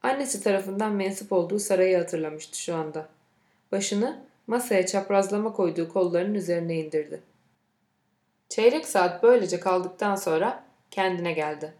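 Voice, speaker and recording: A woman reading a novel aloud in a steady, measured storytelling voice. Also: lowish voice, reverberant. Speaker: narrator. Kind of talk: scripted audiobook narration.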